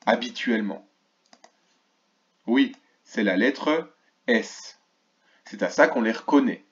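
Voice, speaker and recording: A man teaching a remote lesson to first graders, slowly and clearly sounding out words and asking the class questions. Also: medium pitch, lively intonation, dull audio. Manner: slow, clearly articulated, stretches key words; asks questions of an absent class. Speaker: primary school teacher.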